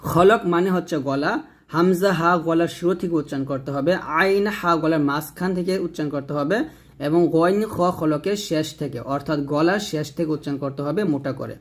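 A man, teaching Quran reading slowly, drawing out each letter name and then explaining how it is said. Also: on the high side. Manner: drawn-out letter names, then plain explaining. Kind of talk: slow step-by-step recitation lesson.

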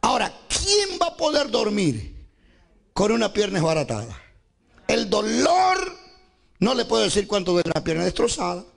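A man with a very high voice, gravelly and husky, tells his story to a church crowd. He preaches in a dramatic way and often bursts into shouts. He calls out to the people to clap and praise. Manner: rallies the congregation to clap. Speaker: testimony speaker at a church service.

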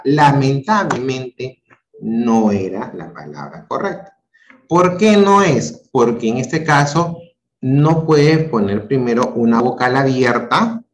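A Peruvian male teacher runs an online class over a video call, patiently asking questions and repeating what his students answer. His voice is mid-range and sounds reverberant.

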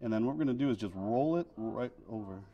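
On a TV cooking spot, a thirtysomething winery guest keeps up easygoing chatter while preparing food in the studio kitchen, often pausing with fillers and starting over. The audio sounds dull, and his medium-pitched voice goes at a quick clip.

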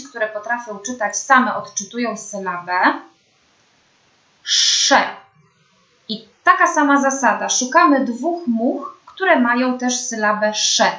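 Young woman speech therapist for a kids' lesson, slow and patient, slightly high voice, echoey muffled room. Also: sharp tone. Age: young adult. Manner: slow, clear, patient, addressing children. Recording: dull, roomy home recording.

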